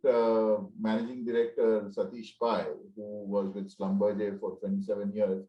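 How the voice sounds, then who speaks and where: A man's voice: on the low side, little pitch movement, reverberant, dull audio. A man speaking as an HR leader on a panel over a video call. His connection is bad, so his voice keeps breaking up and cutting in and out. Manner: measured, thinks aloud with fillers. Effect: voice breaking up on a bad internet connection.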